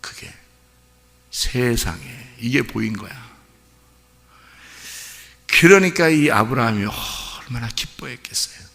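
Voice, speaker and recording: A male pastor delivers a lively sermon with a gravelly, bright edge to his voice. He slips into the voices of biblical figures as he preaches. A long church-hall reverb trails behind every phrase. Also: mid-range voice, takes it slowly, pauses often. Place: church sanctuary.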